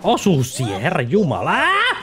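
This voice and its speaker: A young man giving gameplay commentary, excitable, shouting and swearing and mixing in English phrases. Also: a little high, noisy background. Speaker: let's play gamer. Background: game music.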